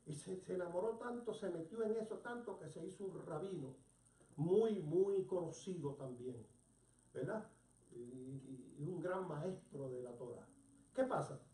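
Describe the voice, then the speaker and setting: A preacher giving an animated sermon, telling a story and asking the congregation questions. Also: mid-range voice, a little slow. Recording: roomy hall, distant mic.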